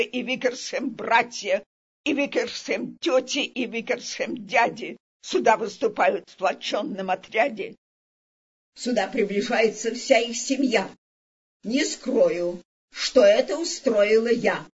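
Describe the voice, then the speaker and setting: A woman's voice: on the high side, slow pace, husky, highs cut off. A woman voicing a stern, scolding mother kangaroo in a storybook reading, dismissive in tone. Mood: scornful.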